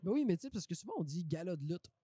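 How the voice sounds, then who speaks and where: A man's voice: high voice, rapid-fire, slightly rough. A man in his twenties with a Québécois French accent, a wrestler talking casually and confidently as a podcast guest. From Saguenay, Quebec. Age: 20s. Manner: animated, confident, lots of fillers.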